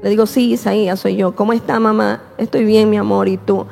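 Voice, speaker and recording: A woman telling her personal testimony slowly and with emotion, often repeating herself and quoting her prayers. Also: medium pitch, little pitch movement, vocal fry, darkish tone, big-room sound, soft background music.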